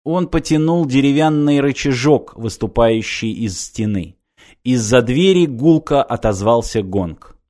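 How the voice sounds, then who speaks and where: A man with a mid-range voice reads a science fiction audiobook, his scripted narration steady and measured.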